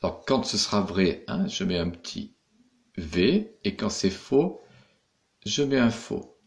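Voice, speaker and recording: A man teaches young children at an unhurried pace and walks through every step with patience. His voice rises and falls in a lively way to keep their attention. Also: low voice, creaky. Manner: slow, patient, spelling out each step. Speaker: primary school teacher. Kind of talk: recorded remote lesson instructions for young pupils.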